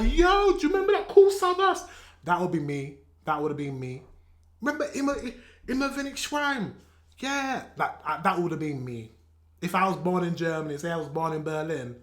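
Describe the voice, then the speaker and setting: A man from England with a British accent, reacting to a song in a casual, excitable way and swearing and laughing often. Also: fairly high pitch, echoey room. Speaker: reaction video host. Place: room at home with a shelf behind him.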